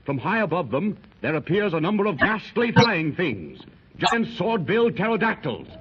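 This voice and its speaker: On a hissy, muffled 1930s radio transcription, a man narrates an adventure serial in a dramatic, declamatory style that rises with the action. His voice is high, slightly rough and very animated, at a normal speed.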